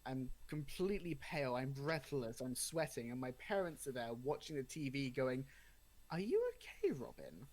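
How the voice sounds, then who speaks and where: A man's voice: medium pitch, moderate pace, hardly any pauses, poor audio. A young adult man casually telling a spooky personal story, acting out the dialogue as he goes. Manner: animated retelling with acted-out dialogue.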